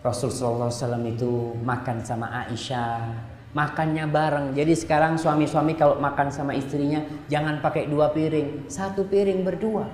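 A male preacher delivering a sermon, talking straight to the congregation and swinging between loud exclamations and quiet asides. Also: on the high side, fairly even intonation, brisk, a little hiss or hum. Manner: addresses the congregation directly. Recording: echoey hall with long reverb.

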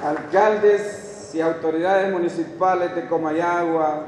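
A middle-aged Honduran man stands at a lectern in a large hall and reads out town after town in a formal speech. His voice sits fairly high for a man. The hall adds a long, echoing reverb, and the lectern mic picks him up from some distance away. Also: little pitch movement, slow pace, background noise. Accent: Honduran Spanish. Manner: reads long lists of towns and names from a page, with asides. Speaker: official speaker at a graduation ceremony. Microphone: lectern microphone. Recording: echoey hall recorded from a distance.

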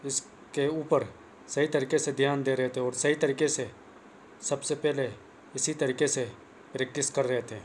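With a mid-range voice, fairly even intonation and a slightly slow pace, a young man runs through a cricket bowling tutorial that is plain, repetitive and earnest. He's a cricket coach vlogger speaking casually into a lapel mic clipped on in a small room, phone camera nearby. There's slight background noise.

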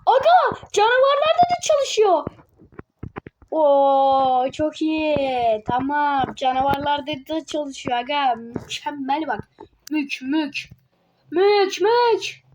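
A woman giving casual gameplay commentary, excitable, teasing other players and yelping or muttering to herself while she plays. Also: sits high, slight background noise. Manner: excitable, yelps and mutters to self while playing. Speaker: gaming video creator.

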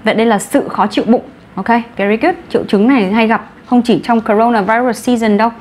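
A woman with a Vietnamese accent teaching English vocabulary in an online class, brisk and encouraging, mixing Vietnamese and English. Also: on the high side, steady tone, darkish tone, a little hiss or hum.

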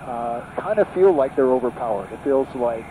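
A man's voice: medium pitch, expressive, normal speed, narrow, tinny audio, background noise. A middle-aged man, an aviation magazine reviewer, talking casually and thoughtfully in a small plane's cockpit through a headset mic, often restarting his sentences. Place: small aircraft cockpit in flight. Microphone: headset boom mic. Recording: loud engine drone behind.

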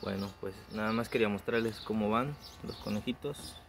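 A man's voice: on the low side, moderate pace, gravelly. A man chatting casually in a vlog about raising rabbits, speaking on a phone camera outdoors by his hutches. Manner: chatty and relaxed, coos softly to baby rabbits. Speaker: rabbit breeder vlogger. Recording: noisy outdoor phone recording.

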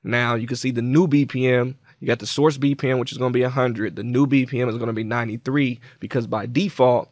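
In a casual software tutorial, a male presenter with a mid-pitched voice explains each step informally as he goes. He speaks quickly in a steady tone with few pauses, and the voice-over is close and dry with no room sound.

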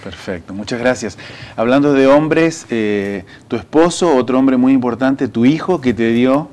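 Soft-spoken Chilean TV host. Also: male voice, mid-range voice, unhurried. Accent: Chilean Spanish. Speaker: TV interview host. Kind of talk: interview questions and sign-off. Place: dark TV studio set.

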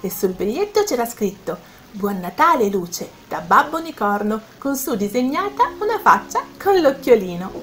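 Lively woman reading a kids' story. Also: a little high, normal speed, few pauses, slight background noise. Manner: animated, speaks directly to the children. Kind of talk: children's bedtime story narration.

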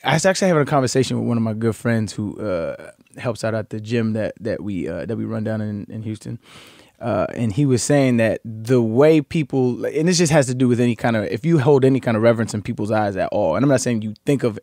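A man in his thirties hosting a casual talk, speaking in a laid-back, reflective way that trails off into low mumbles. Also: fast, darkish tone, no room sound, clean studio sound. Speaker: podcast host. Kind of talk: casual conversation.

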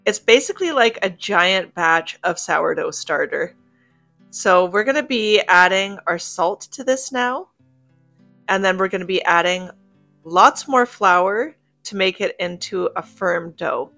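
A woman's voice: lowish voice, a little slow. Chatty woman narrating cooking. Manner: cheerful, chatty, addresses viewers directly. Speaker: homemaking vlogger. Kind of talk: cook-with-me voice-over narration. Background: soft guitar music.

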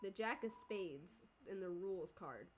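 A woman's voice: lowish voice, animated, normal speed, slight background noise, rough recording. A young woman giving casual playthrough commentary and reading game text aloud, giggly and reactive. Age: young adult. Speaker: gaming video host. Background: video game music.

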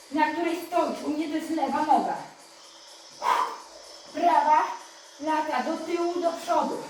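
A female fitness instructor coaching a live workout, counting reps and giving brisk, encouraging cues while she exercises, sometimes short of breath. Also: sits high, a little mellow. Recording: echoey room, voice from a distance, music behind.

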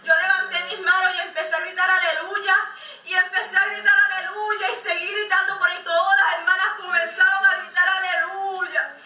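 A woman's voice: very high voice, level tone, fast talker, few pauses, pushed and bright. A woman giving an impassioned testimony sermon at a church service, exhorting the congregation. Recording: echoey room, mic far off.

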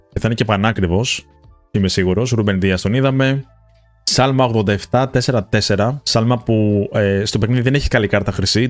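A young man from Greece talks through a football game pack opening, listing player ratings in quick runs. His voice sits low and the sound is dry and close to the mic. Faint game music plays underneath. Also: no echo. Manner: rattles through card stats, excited bursts at big pulls. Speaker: gaming YouTuber.

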